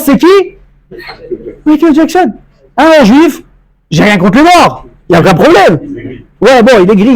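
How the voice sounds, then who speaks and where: A man's voice: high-pitched, rough recording. A man, a rabbi, giving a Torah lecture to a congregation, telling stories and acting out dialogue. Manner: animated storytelling, acts out dialogue.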